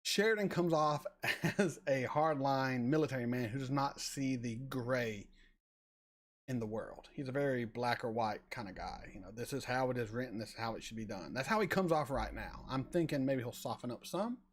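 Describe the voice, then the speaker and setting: Chatting loosely on a livestream, a man in his 40s who hosts a reaction channel responds to viewers' messages in an expressive, mid-range voice. He rambles and frequently trips over repeated words.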